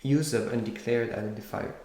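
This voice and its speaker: A man's voice: medium pitch, a little fast. A man teaching programming, thinking aloud and correcting himself as he types code in a live tutorial. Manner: thinks aloud while typing, self-correcting. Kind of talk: live-coding tutorial narration. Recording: echoey room with loud keyboard noise. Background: keyboard typing and clicks.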